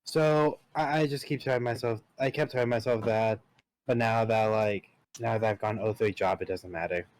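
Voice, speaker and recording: A man's voice: on the low side, fairly even intonation, normal speed. A man hosting a podcast, animatedly telling a story in casual talk, acting out both sides of conversations and swearing casually. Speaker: podcast host.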